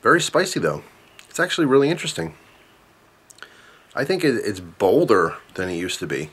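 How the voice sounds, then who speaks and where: A man in his thirties giving a casual, chatty product review in a halting, thoughtful way, pausing between short phrases. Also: fairly low pitch, big pitch swings, fairly bright tone, husky. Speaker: pipe tobacco reviewer.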